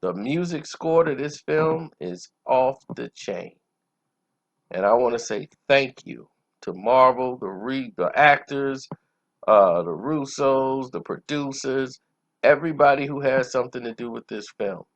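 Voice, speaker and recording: A man with a mid-range, slightly slow voice and some vocal fry hosts a casual movie review channel. He shares his opinions in an informal, conversational way, and the recording has a dull lo-fi sound.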